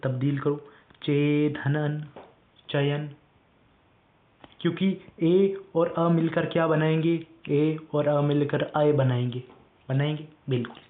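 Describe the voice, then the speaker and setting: Male teacher, strained voice, slow and repetitive call-and-response drilling, phone-quality tinny audio. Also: medium pitch, slight background noise. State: strained, weak voice. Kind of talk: online classroom lesson.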